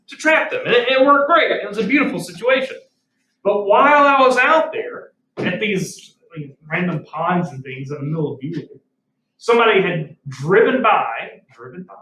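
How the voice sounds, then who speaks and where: A man's voice: high voice, big pitch swings, measured pace, pushed and bright. Folksy man lecturing a classroom. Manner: folksy, asks the class questions. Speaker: biology teacher. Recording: roomy classroom audio from a distant mic.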